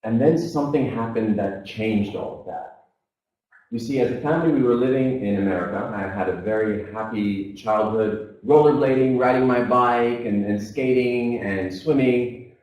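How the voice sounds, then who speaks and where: In an echoey seminar hall, recorded from a distance with lo-fi sound, a man in his thirties gives a motivational talk in a mid-range, darkish voice at normal speed. He tells his life story, acting out the voices of the people in it.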